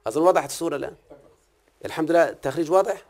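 In a one-on-one lesson on recitation and grammar, this Egyptian-accented man speaks very fast in a fairly high, slightly mellow voice. He takes a questioning approach, repeatedly stopping to make sure his student is following.

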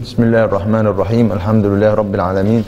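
A man teaching a grammar lesson, explaining deliberately and stressing and repeating key terms. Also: fairly low pitch, flat delivery, warm tone, long reverb tail, muffled recording.

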